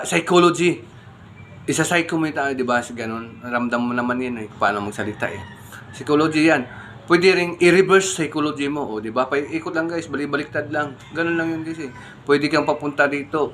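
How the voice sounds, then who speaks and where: Bright-voiced man vlogging casually. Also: mid-range voice, slight background noise. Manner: conversational, keeps saying "guys", rhetorical questions. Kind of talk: casual morning vlog talk.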